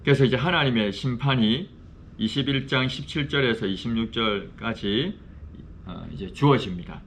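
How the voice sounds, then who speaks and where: A man, a pastor, teaching a Bible study class in a church classroom. He explains in a measured way and poses questions to his students. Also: medium pitch, fairly bright tone, a little hiss or hum.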